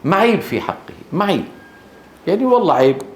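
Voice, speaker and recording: Man, Levantine Arabic accent, Quran recitation teacher, emphatic, quizzes the class, slightly high voice, echoey hall. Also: big pitch swings, brisk. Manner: emphatic, keeps quizzing the class with short questions. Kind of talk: classroom lecture. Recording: echoey room.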